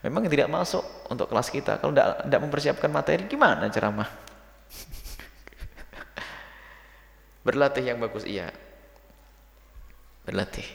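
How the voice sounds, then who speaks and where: A man, teaching a sermon lesson to his students with lively, teasing asides. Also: medium pitch, unhurried, creaky, pauses often, echoey room, long reverb tail. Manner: lively, teasing asides, calls listeners "nak".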